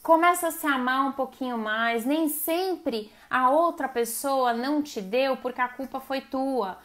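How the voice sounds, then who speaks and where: A woman's voice: high-pitched, unhurried, a bit bright. A woman hosting a live stream. She gives a casual motivational talk and speaks straight to her viewers. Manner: conversational, addresses viewers directly and acts out quoted voices.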